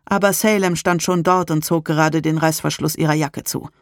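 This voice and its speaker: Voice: medium pitch, steady tone, moderate pace, no room sound. A reader giving a tense, dramatic first-person audiobook narration on a close studio mic.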